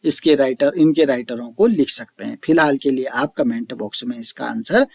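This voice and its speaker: A man teaching an online lecture, slowly explaining each term and repeating it, reciting verse lines drawn out. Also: mid-range voice, gravelly, dry recording, studio quality. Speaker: Sanskrit teacher.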